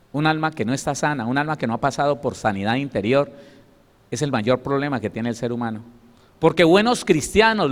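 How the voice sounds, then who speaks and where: Colombian pastor preaching in a reverberant hall. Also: male voice, fairly high pitch. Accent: Colombian Spanish. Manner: emphatic preaching, acts out quoted voices. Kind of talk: sermon. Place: church hall.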